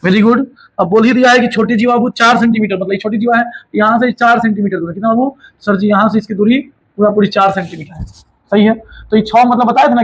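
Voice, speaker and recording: A man's voice: high-pitched, rough recording. A man explaining a maths lesson in a colloquial, teasing way, often answering his own questions as if a student had asked them. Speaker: maths teacher. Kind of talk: casual classroom explanation.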